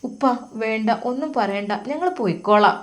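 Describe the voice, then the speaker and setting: Woman doing a quiet, hurt young daughter. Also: fairly high pitch, moderate pace, close to an everyday voice. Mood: subdued. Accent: Malappuram Malayalam. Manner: quiet and pleading.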